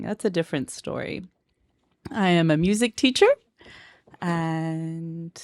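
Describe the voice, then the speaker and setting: A woman in her thirties, a mother and music teacher, co-hosting a family podcast in a giggly, self-conscious, teasing way. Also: fairly low pitch. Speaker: podcast co-host. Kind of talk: casual chat.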